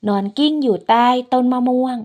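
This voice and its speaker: Woman, story narration, gentle, unhurried, slightly high-pitched. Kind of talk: first-person scripted story narration.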